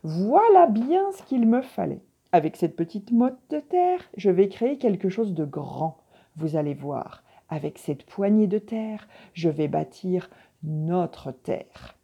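A woman's voice: lowish voice, very animated, takes it slowly, vocal fry, husky, highs cut off, full character voice. A woman reading aloud voices a lonely old male coyote spirit, in an earnest, eager storytelling voice.

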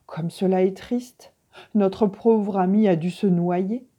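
A woman's voice: mid-range voice, steady tone, slow pace, warm tone. A woman reading aloud voices a lonely old male coyote spirit, in an earnest, eager storytelling voice.

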